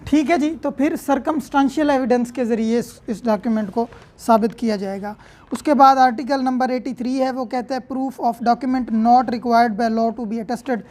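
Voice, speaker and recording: Speaking at normal speed in a steady tone, a woman with a Pakistani accent and a slightly high, slightly mellow voice gives an explanatory law lecture. She teaches didactically, reading out and paraphrasing legal text and checking in with listeners often.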